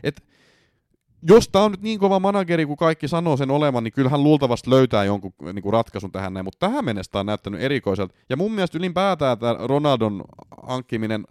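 A man co-hosting a podcast in a heated casual debate. He talks in an animated way, swears freely, and throws in fillers all the time. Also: dry recording, clean studio sound. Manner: animated, swearing, frequent "tiiäks" fillers, pitch jumping up when arguing. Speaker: podcast co-host.

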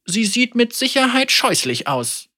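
Here the narrator's elderly teacher-and-mother character teases gently with calm, dry wit, her voice exaggerated and a little slow. It sits high and lilting, full of lively melody.

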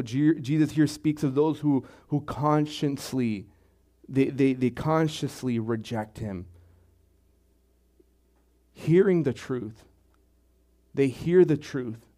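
Male pastor, slow measured sermon delivery, repeats phrases, mid pitch. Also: warm tone. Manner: slow, deliberate preaching with repetitions. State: throat clearing, choked up.

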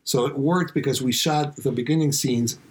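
A man's voice: medium pitch, normal speed, slight background noise. A man in casual conversation, talking about making a music video, acting out quotes as he tells stories. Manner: animated storyteller, acts out quotes. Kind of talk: casual chat.

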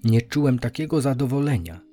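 A man's voice: mid-range voice, lively intonation, fairly quick, warm tone, soft background music, pitched above the performer's own voice, lightly acted. A man voicing an earnest, happy young boy from a well-off family in a storybook reading, his voice lightly raised.

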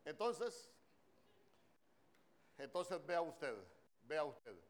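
A man's voice: on the high side, big pitch swings, drawn-out words. A man preaching a sermon in a church, with a Honduran Spanish accent, throwing questions at the congregation.

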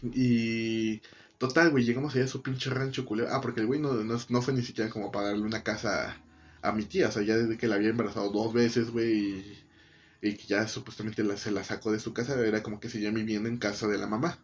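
A young man with a Mexican Spanish accent casually recounts a story packed with profanity, slang, and animated, acted-out quotes. He talks fast in a lowish voice, and the recording has its highs cut off along with a little hiss or hum.

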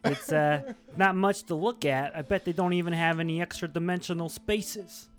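A man's voice: a little high, moderate pace, pitched above the performer's own voice, natural voice. Sneering dwarf, played by a man, grudging, scornful, tabletop game character, faint music behind. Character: scowling bald dwarf, disdainful envious rival tavern keeper.

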